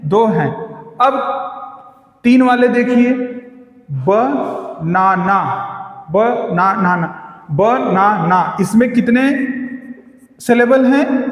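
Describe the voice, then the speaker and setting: High-voiced man teaching in an echoey room. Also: darkish tone. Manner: explains slowly, asks the class questions and answers them himself; repeats example words slowly. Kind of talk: exam-prep lesson. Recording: echoey room with long reverb.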